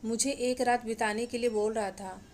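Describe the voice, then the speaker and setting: A young woman heroine in a spoken story, weary yet hopeful, as a woman narrator puts her on. She talks in a steady, reassuring way, her voice sitting a little high. A faint hum of ambience lies under it. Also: moderate pace, lightly acted. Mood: resolute.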